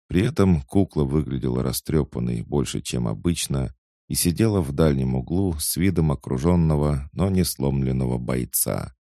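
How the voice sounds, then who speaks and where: A man narrating an audiobook in the first person, even storytelling. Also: rumbling low, no echo, clean studio sound.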